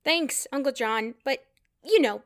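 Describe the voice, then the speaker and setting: A woman's voice: high-pitched, measured pace, no echo, clean studio sound. An actress playing a nervous, giggly young woman who is hiding a secret. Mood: flustered. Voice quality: giggly, flustered. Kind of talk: audio drama acting.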